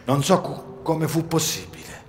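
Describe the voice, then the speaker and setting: A man performing a dramatic first-person monologue at a live outdoor show, moving between hushed low passages and urgent shouts. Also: sing-song, unhurried, faint music behind. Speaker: stage reader of a monologue. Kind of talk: theatrical first-person storytelling. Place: outdoor garden stage.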